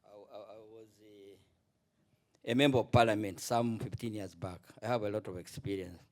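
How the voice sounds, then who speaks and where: A middle-aged man giving a spontaneous remark at a conference panel, halting and restarting often. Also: on the low side, darkish tone. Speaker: panel contributor, former legislator.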